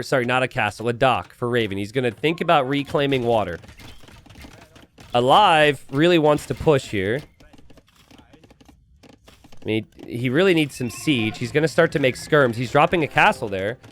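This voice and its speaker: A man giving live, casual and joking video game commentary to a stream, prone to excitable, repeated exclamations. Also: mid-range voice. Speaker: esports commentator. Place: indoors at a computer.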